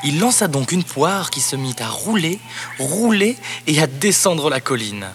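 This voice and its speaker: A man narrating a children's storybook cassette in a lively, expressive read-aloud voice. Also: on the high side, unhurried, noisy background. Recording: cassette narration over background music.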